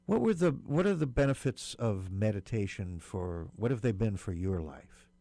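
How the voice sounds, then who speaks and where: A male public radio host with a fairly low voice and a noticeable creak, recorded close and dry. He interviews in measured phrases, gently leading with questions. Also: lively intonation, no room sound. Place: radio studio.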